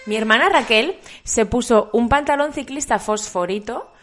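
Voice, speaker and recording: A woman in her forties with a Castilian Spanish accent, telling anecdotes in casual, colloquial and expressive chat. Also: fairly high pitch, moderate pace. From Spain. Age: 40s. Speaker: co-host.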